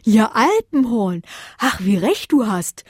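A woman voicing a kind male Saint Bernard who speaks gently and calmly. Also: fairly high pitch, takes it slowly, breathy edge, dry recording, studio quality, pitched above the performer's own voice, heavily acted. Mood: explaining.

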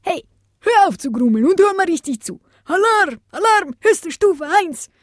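A woman voicing a male rescue-dog leader who barks orders loudly and bossily. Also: extremely high pitch, lively intonation, a little slow, no echo, clean studio sound, voice pushed up. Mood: commanding. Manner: barking orders, loud and bossy.

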